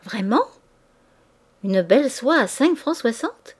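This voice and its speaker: A woman's voice: high voice, sing-song, unhurried, darkish tone, voice pushed up. A woman reading a novel aloud, voicing an enthusiastic lady amazed at a bargain.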